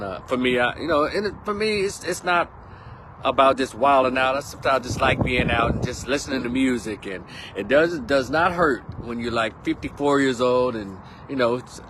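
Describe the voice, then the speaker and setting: A man's voice: medium pitch, a bit bright, a little hiss or hum. A man, chatting casually as a vlog host, rambling and laid-back with plenty of slang. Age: 50s. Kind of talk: casual monologue. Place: outdoors on a windy day.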